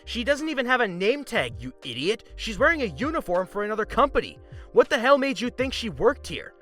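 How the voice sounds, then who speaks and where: A man's voice: fairly high pitch, big pitch swings, normal speed, bright, forceful tone, soft background music. A man voicing a fierce, protective mother who scolds a rude stranger. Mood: indignant. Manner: indignant and scolding.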